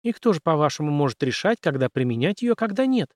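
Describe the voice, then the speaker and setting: Man doing a sharp young girl, blunt, snappy, a bit higher, dry recording. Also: sing-song, fast talker, no echo. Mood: challenging. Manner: blunt, challenging, hotheaded. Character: sharp-tongued young woman, quick-tempered.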